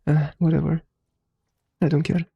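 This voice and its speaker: A young woman streaming a game, chatting casually with her viewers, her voice a little hoarse from talking, swearing freely. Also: deep voice, little pitch movement, moderate pace, no room sound, dull audio. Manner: laid-back, swears freely, answers chat. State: slightly hoarse. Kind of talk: casual live-stream chat.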